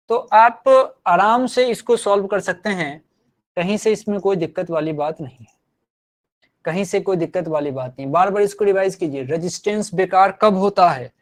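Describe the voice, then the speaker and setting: A man teaching physics in a live online class, repeating phrases and encouraging his students. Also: sits high.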